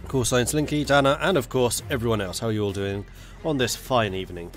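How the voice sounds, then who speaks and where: A male gaming streamer with a cold sounds congested while casually chatting with viewers and muttering through plans in a strategy game. His medium-pitched voice moves a little fast, with faint music behind it.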